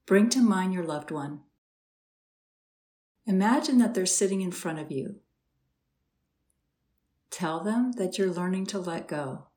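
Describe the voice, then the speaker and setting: This is a guided meditation led by a woman whose voice sits a little low. Each instruction comes slowly and softly, soothing in tone, with calm pauses in between.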